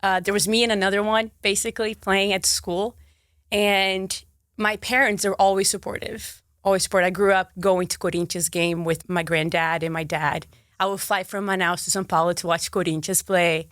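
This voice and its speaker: A bubbly young woman with a Brazilian accent, a native Portuguese speaker, laughs and chats as a guest in a casual interview. Her mid-range, fairly bright voice keeps fairly even intonation at a normal speed. The sound is dry and close, with no room sound.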